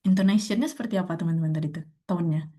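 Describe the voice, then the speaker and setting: A woman's voice: medium pitch, moderate pace, darkish tone. A young woman speaking in an online webinar lesson, chatty, with many fillers and frequent laughs. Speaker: speaker at an online sharing session.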